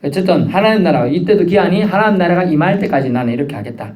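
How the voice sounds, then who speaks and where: A man's voice: high-pitched, expressive, quick pace, darkish tone. A man preaching a midweek sermon, in a casual, conversational way, acting out the voices he quotes. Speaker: pastor.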